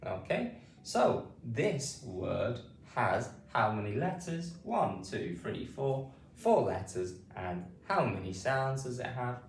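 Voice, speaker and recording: British man, slow phonics teacher, patiently sounds out letters, echoey room a bit off-mic. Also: medium pitch, big pitch swings, recorded from a distance, a little hiss or hum. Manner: patient, frequent "okay?" check-ins, sounds words out letter by letter. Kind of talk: slow spelled-out phonics lesson.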